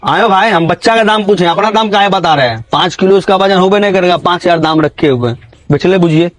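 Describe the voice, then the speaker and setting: Bihari-accented man, high voice, dry close sound, pushy village goat buyer in a comedy skit. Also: a little fast, no room sound. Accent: Bihari Hindi. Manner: pushy, haggling, calling out in a singsong hawker cry. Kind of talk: scripted village comedy sketch.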